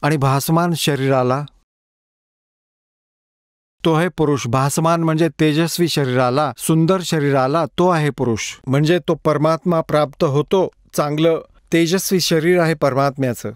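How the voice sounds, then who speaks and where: Working through scripture one verse at a time, a preacher in a dubbed sermon repeats the key words slowly. His slightly high male voice has a clear, resonant tone. The audio is close and dry, with no room sound.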